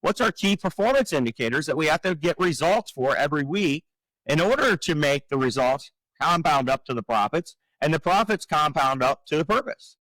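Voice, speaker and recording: Man in his forties, fairly high voice, animated coaching tone, dry close sound. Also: moderate pace, no echo, rough recording. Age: 40s. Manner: energetic, coaching, rhetorical questions. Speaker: podcast guest, real estate coach. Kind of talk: casual podcast talk.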